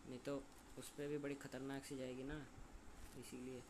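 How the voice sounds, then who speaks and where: A young man streaming a game and chatting loudly with friends on a call, joking and complaining as he plays. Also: mid-range voice, little pitch movement, normal speed, noisy background. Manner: loud, joking banter with friends. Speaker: gaming streamer.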